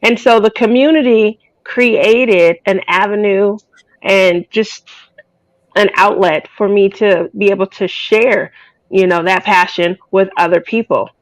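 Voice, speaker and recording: Woman, casual chat, rambling, many fillers, mid pitch, dry close sound. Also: fairly even intonation, measured pace, no echo, poor audio. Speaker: guest.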